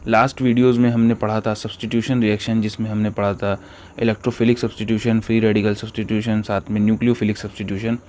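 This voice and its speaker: A man's voice: lowish voice, level tone, fast, a little mellow, a little hiss or hum. A male chemistry teacher giving an explanatory lesson, asking rhetorical questions, repeating key terms and checking in often.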